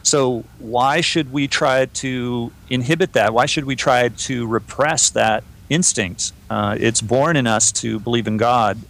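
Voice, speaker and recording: A man co-hosting a podcast, chatting in a relaxed way and reading listener emails aloud. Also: mid-range voice, unhurried, creaky, hardly any pauses. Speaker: podcast co-host. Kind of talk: casual podcast discussion.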